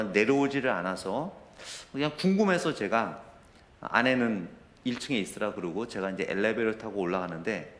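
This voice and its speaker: A middle-aged male pastor preaches a sermon in a church sanctuary, sharing a personal story that builds to emotional intensity. His mid-range voice is a bit bright, and the recording carries roomy church echo.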